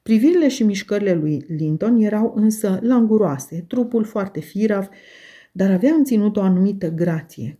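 A woman reading a classic novel aloud in an audiobook, measured and steady. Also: mid-range voice. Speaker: audiobook narrator.

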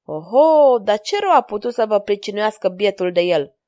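A woman's voice: on the high side, lightly acted. Woman voicing a flirtatious courtly king. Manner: courtly, flattering. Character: gallant amorous male king, courtly and flirtatious.

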